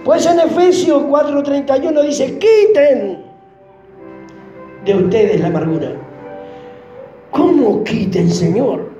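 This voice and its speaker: Preacher guy, pleading prayer-style sermon, really animated pitch, echoey room w faint music. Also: slow, pauses often, muffled recording. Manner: pleading, fervent, speaks as if praying aloud. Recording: roomy echo with faint music.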